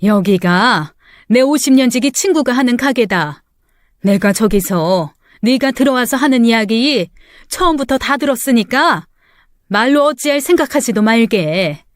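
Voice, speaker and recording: A woman's voice: on the high side, expressive, unhurried, dry recording, clean studio sound. A woman doing a furious old mother-in-law. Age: older. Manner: scolding, cursing. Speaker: story character voice. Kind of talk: dramatized story reading.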